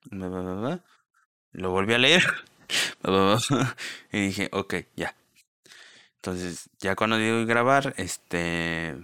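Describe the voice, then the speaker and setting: A man's voice: sits low, fairly bright tone, clean tone, no room sound, clean studio sound. A young man talking casually on his own podcast, rambling with many fillers and restarts. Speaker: podcast host. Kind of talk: casual solo podcast talk.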